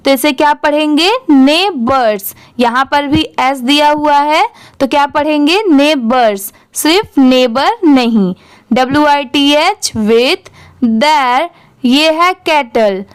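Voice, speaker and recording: A woman teacher with a high voice leads an English reading lesson. She talks slowly and patiently, spelling each word letter by letter and then asking how it is read. The sound is dry and close. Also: no room sound. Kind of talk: spelling out words letter by letter for learners.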